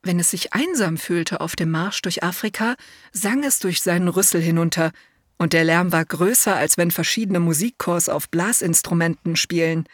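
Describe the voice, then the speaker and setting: A woman reading a children's storybook aloud, gentle and measured, as if telling it to a child. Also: lowish voice, dry recording, studio quality.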